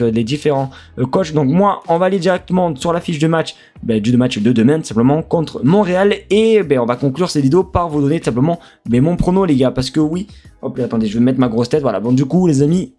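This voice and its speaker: A man's voice: mid-range voice, dark tone. A man from France with a French accent, casually previewing a football match as a streamer, chatty and hesitant with many fillers.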